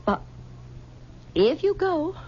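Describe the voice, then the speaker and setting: An actress gives a full character voice, high and sing-song, as an older, possessive mother who coaxes and halts with stammers. It's a 1970s radio drama, and the dull broadcast carries a little hiss or hum.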